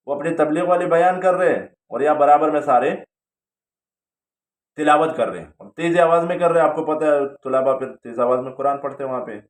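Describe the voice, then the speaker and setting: A man casually telling a personal story, rambling, with frequent hesitations. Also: on the high side. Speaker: storyteller recounting his religious journey. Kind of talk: casual spoken testimony. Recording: roomy, distant from the mic.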